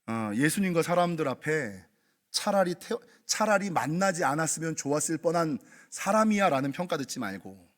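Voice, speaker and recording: Man, pastor, sermon, lively swooping delivery, fairly high voice, emphatic. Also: normal speed. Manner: emphatic, repetitive, dramatic storytelling. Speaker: senior pastor.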